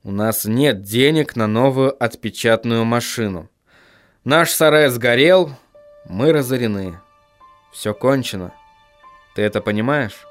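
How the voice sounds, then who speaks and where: A man's voice: medium pitch, expressive, unhurried, faint music behind. Man as a subdued young newspaperman. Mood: gloomy. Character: weary earnest young male newspaperman.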